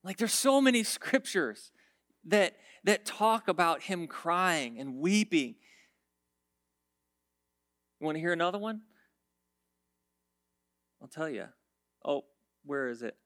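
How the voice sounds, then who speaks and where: A man's voice: fairly high pitch, expressive, slow, long pauses, no echo, studio quality. A man preaching a casual, conversational sermon, telling stories and turning emphatic as he reads scripture. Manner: storytelling, swings from quiet to emphatic.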